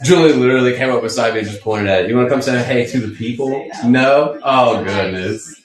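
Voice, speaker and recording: A man hosting a casual live sales stream of plants, chatty and playful, laughing often and jumping up high when excited. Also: brisk, a crowd in the background. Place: indoor room with plants. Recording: echoey room.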